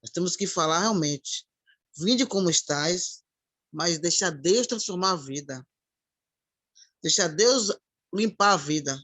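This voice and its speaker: A woman's voice: fairly low pitch, expressive, unhurried, fairly bright tone, dry recording. A woman in a devotional conversation, talking in an earnest, repetitive way and thinking aloud as she goes. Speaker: church sister in a ministry chat.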